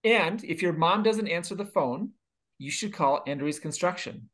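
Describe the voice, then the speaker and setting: A man's voice: high-pitched, expressive, normal speed, fairly bright tone. A man hosting a casual podcast chat, joking with co-hosts and reading a sponsor plug. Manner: jokey, reads ad plugs. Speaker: podcast host.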